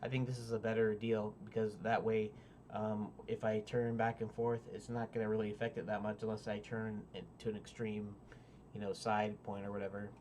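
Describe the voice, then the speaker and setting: A man's voice: on the low side, little pitch movement, a little fast, a little mellow, a little hiss or hum. A man making a casual game-dev video log, explaining his setup in a rambling, hesitant way with many fillers and restarts. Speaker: indie game developer. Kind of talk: casual devlog talk to camera.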